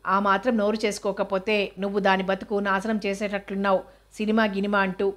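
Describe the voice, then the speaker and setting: A woman's voice: mid-range voice, little pitch movement, brisk, a bit bright, close to an everyday voice. A stern, protective elder sister, young and married, as a woman reads her part. She scolds firmly and steadily, in a level voice with little rise and fall.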